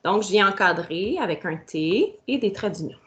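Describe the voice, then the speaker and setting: A woman teaches a recorded grammar lesson for children. She talks straight to the pupil in a patient, step-by-step way. Her pitch sits in a middle range. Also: animated, normal speed, a bit bright, highs cut off. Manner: patient, explaining step by step, speaking directly to the pupil.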